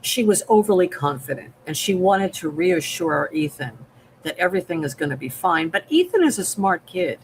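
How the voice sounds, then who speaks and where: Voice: medium pitch, sing-song, normal speed, a little hiss or hum, low-quality recording. A host in a casual live TV recap, often agreeing and asking the co-host questions. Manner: affirming, asks questions.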